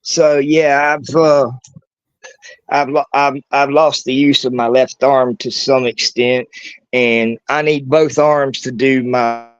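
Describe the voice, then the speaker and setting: A man chatting casually over a crackly call line that cuts in and out, talking haltingly with many restarts. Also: medium pitch, flat delivery, clean tone, no room sound, lo-fi sound. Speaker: guest on a call-in livestream. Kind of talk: casual chat.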